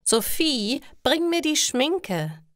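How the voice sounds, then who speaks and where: A woman's voice: sits high, big pitch swings, very slow, dry recording, clean studio sound, pitched above the performer's own voice, heavily acted. A woman voicing a bossy, self-important young girl who snaps demands at her friend. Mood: bossy, snippy. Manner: demanding and snippy.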